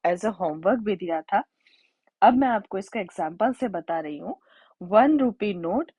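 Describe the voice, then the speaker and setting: A woman teacher explaining a grammar lesson, spelling out examples slowly and repeating them. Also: medium pitch, warm tone, husky, dry recording. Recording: dull lo-fi sound.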